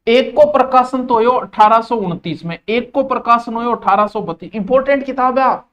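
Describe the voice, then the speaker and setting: A man's voice: very high-pitched, normal speed, fairly bright tone. A man with a Rajasthani accent teaching a live exam-prep class. He drills key terms by repeating them.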